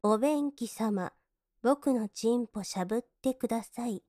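A young woman playing a cold, scornful maid in an adult audio drama, politely contemptuous and mocking, sometimes dropping into soft whispers to sneer. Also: fairly high pitch, expressive, slow pace, husky, no room sound, studio quality, full character voice. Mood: coolly commanding.

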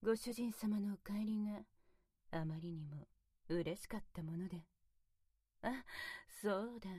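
A woman voicing a devoted, high-ranking demon butler in a whispered ASMR roleplay, speaking with extremely polite, servile formality into a close binaural mic. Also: a little slow, warm tone, no room sound. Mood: teasing. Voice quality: breathy whisper. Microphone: close binaural mic, left and right ears.

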